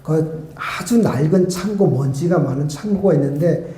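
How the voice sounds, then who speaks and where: A male guest pastor preaching a sermon and telling a personal story, acting out remembered conversations and moving between loud and hushed speech. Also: a little high, normal speed. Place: church sanctuary. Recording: echoey church hall.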